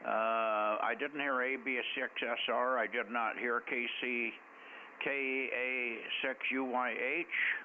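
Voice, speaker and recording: A man's voice: mid-range voice, fairly even intonation, slow pace, narrow, tinny audio. An American man running an amateur radio net, chatting casually in a blunt, teasing way over two-way radio. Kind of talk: casual ham radio chat. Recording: thin ham radio signal with static.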